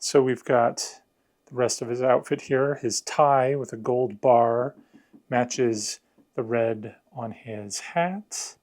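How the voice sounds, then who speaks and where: A man's voice: mid-range voice, takes it slowly, darkish tone. A man narrating a hands-on unboxing and review in a casual, conversational, explanatory way. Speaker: product reviewer.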